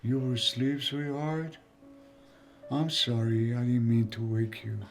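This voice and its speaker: An actor playing a frail, elderly father who speaks tenderly and haltingly in a film drama. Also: mid-range voice, level tone, faint music behind, natural voice. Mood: tender, concerned. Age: older. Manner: slow, halting, affectionate.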